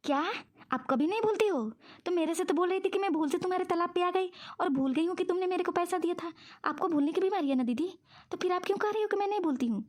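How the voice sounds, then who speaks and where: A woman's voice: very high-pitched, quick pace, darkish tone. A woman voicing a scheming younger friend who coaxes and tricks in a cartoon. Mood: teasing. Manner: coaxing, sweetly persuasive. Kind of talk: cartoon voice acting.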